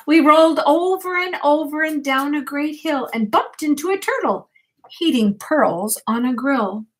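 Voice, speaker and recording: An older woman with a high, fairly bright voice reads a rhyming picture book as a bedtime story, speaking directly to young children. As a grandmother, she reads expressively and unhurriedly, though the audio is poor.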